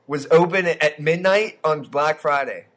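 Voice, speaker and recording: A man's voice: on the high side, a little slow, fairly bright tone. A young man co-hosting a podcast, telling stories in a loose, rambling way full of fillers and restarts. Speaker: podcast co-host. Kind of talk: casual chat.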